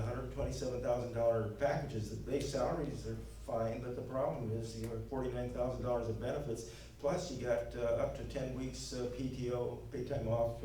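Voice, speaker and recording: An earnest man delivers his closing statement at a local candidate forum, filling pauses with plenty of "uh"s. His voice is soft and dark in tone. He is picked up from far off in a very echoey hall with a light hum behind him. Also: mid-range voice. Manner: earnest, plain-spoken, frequent fillers. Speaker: candidate giving closing remarks. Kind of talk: campaign speech at a local forum. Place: meeting hall.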